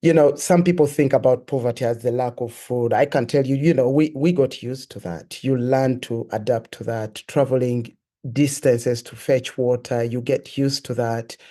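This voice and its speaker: Man from uganda, guest testimony, reflective, earnest, mellow dark tone. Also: mid-range voice. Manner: reflective, earnest, measured storytelling. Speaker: guest sharing his life story. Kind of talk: personal testimony in an interview.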